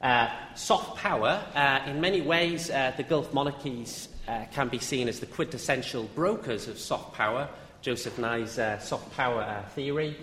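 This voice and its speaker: A man's voice: mid-range voice, moderate pace, sharp tone, slight background noise. A man, a university lecturer, giving an academic talk with frequent "uh" fillers as he lists examples. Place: lecture hall. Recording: echoey hall with long reverb.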